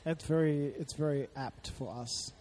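A man's voice: fairly high pitch, moderate pace, mellow, a little hiss or hum. A man co-hosting a radio chat, teasing and playful with rambling questions. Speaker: radio co-host.

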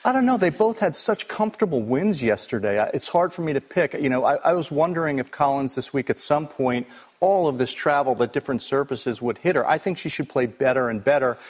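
A man's voice: medium pitch, expressive, brisk. A middle-aged American man working as a tennis analyst on a studio panel, talking conversationally. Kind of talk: panel banter and match analysis.

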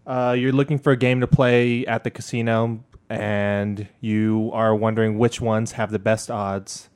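A man's voice: fairly low pitch, level tone, measured pace, clear, resonant tone. A man chatting as a podcast guest. He is laid-back, gives short agreements and hesitates with fillers. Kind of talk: casual panel chat.

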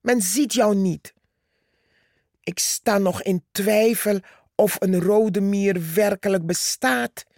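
A woman's voice: mid-range voice, takes it slowly, darkish tone, no room sound, studio quality. A woman voicing a haughty, boastful male tree who talks down to others, in a storybook reading. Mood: mocking. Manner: condescending, scornful.

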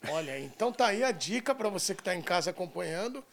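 A man's voice: sits high, big pitch swings, fast talker, vocal fry, a bit bright, slight background noise. A man hosting a casual podcast, prompting his guests with questions and jokes. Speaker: podcast host.

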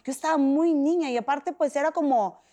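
A middle-aged Mexican woman, a podcast guest, tells an emotional personal story in an animated way, acting out the voices of people she quotes. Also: high-pitched, fairly quick.

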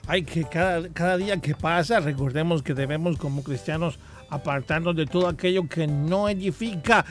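High-voiced man advising young listeners. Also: moderate pace, soft background music. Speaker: children's show host.

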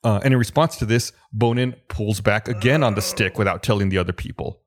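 A man co-hosting a podcast, retelling an aviation accident in a steady, methodical, explanatory way. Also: on the low side, fairly quick. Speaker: podcast co-host presenting the case. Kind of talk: casual podcast chat, narrating an aviation accident.

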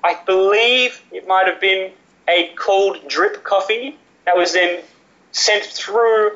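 Male podcast co-host, bright and animated, dull lo-fi audio. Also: sits high, slow. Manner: animated, pompous about coffee. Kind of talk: casual banter.

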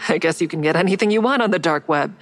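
A woman voices a guarded, sardonic heroine, a crisis counselor who secretly kills, in audio drama dialogue and first-person narration. Her low voice moves fast and natural, defiant in mood, with a dry, wry edge.

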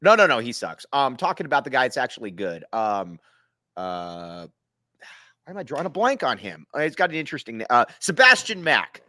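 Animated, giggly male sports podcaster. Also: medium pitch, a little fast, no room sound, clean studio sound. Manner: laughs often, trails off with fillers and blanks on names. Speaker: podcast co-host. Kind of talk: casual sports chat.

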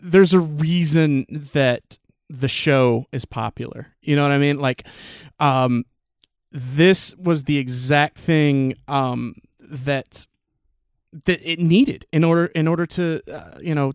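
A man co-hosting a casual chat podcast, rambling with lots of fillers and restarts, excitable. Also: on the high side, slow pace, smooth, no room sound, studio quality. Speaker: podcast co-host.

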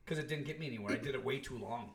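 A man in his forties chatting casually on a podcast, with a wheezy smoker's rasp in his voice. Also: medium pitch, racing, reverberant, a crowd in the background. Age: 40s. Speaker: podcast host.

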